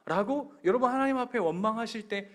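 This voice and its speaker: A man's voice: sits high, a little fast. A male pastor preaching a sermon in a church, telling stories with energy and putting questions directly to the congregation. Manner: animated storytelling. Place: church sanctuary.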